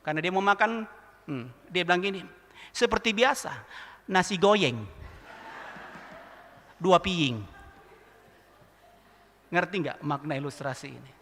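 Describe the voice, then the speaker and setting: A man's voice: sits high, moderate pace, long pauses, a little hiss or hum. A male pastor, preaching a sermon and telling a funny illustration, acting out the characters and questioning the congregation. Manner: lively storytelling, mimics a speech lisp, asks the congregation questions. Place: large church hall. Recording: long church hall reverb.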